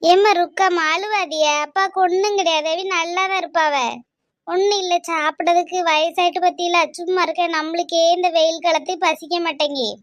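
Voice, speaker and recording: A woman's voice: very high voice, fairly even intonation, brisk, dry recording, clean studio sound. A woman voicing a caring young woman who coaxes and reassures. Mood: reassuring. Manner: coaxing and reassuring.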